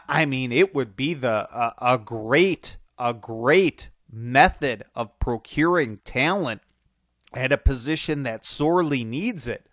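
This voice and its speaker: A man's voice: mid-range voice, a bit bright, dry recording. A man talks through a cold, his voice nasal and congested, rambling through casual sports commentary with frequent restarts and fillers. The recording is dry and close, with no room sound around him. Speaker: podcast host.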